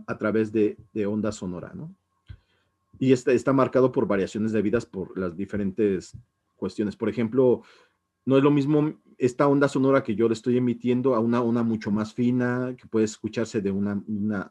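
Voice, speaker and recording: A man's voice: mid-range voice, darkish tone. A man teaching an introductory linguistics class, speaking hesitantly with many restarts and tag questions. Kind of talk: informal recorded lecture.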